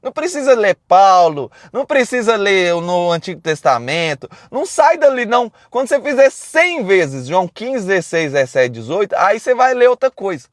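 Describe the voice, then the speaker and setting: A man preaching casually and loudly on a live stream, talking bluntly and straight to his viewers. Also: sits high, sing-song, normal speed, hardly any pauses, no echo, studio quality.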